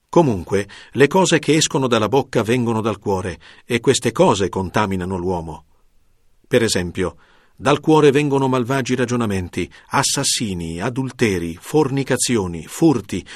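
A man reading the words of Jesus as a calm male teacher in a measured, solemn scripture reading. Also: medium pitch, no echo, studio quality, lightly acted.

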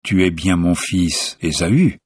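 A man voicing an elderly blind father giving a blessing, in a measured, solemn manner. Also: low-pitched, breathy edge, dry recording, studio quality, exaggerated voice. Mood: questioning.

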